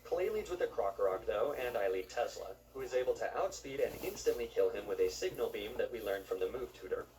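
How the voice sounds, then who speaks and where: A man's voice: fairly low pitch, animated, a little fast, few pauses, darkish tone, echoey room, recorded from a distance, a little hiss or hum, low-quality recording. A man narrating gameplay from a script as a video host, with wry, joking asides.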